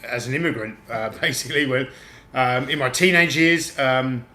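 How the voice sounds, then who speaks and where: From a home room in Australia with noticeable echo, a British man runs a casual livestream, reading viewer comments, laughing often and chatting; he auctions toys. His voice is medium-pitched and moderately paced, bright and forceful.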